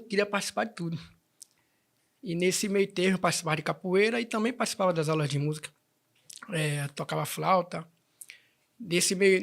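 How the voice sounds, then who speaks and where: A man, chatting as an interview guest and telling his story with many restarts. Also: high-pitched. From Salvador, Bahia, Brazil. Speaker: guest, band president. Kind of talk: casual interview chat.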